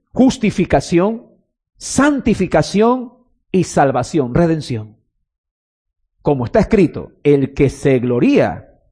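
A man's voice: high voice, a little mellow, slightly rough. A man preaching a sermon as pastor, telling stories and rising into emphatic calls.

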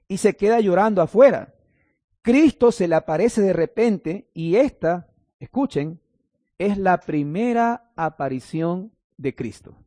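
A man's voice: high-pitched, a little mellow, no echo, clean studio sound. A male pastor preaching a sermon, reading scripture aloud and explaining it, with playful asides to his congregation.

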